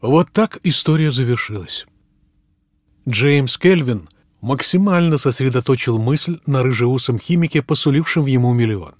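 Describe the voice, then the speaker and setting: A man reading a science fiction audiobook in measured scripted narration, with phrase ends that drop low, on a close studio mic. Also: lively intonation, darkish tone, dry recording.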